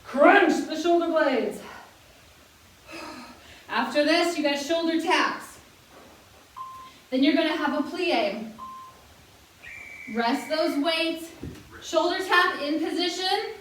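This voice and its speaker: A woman with a high, bright voice leads a seniors' exercise class at an unhurried pace. She chats and jokes between cues, and her voice sounds far from the mic in a very echoey room with a faint hiss. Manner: chatty, laughing, counting out moves. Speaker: fitness instructor. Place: fitness room.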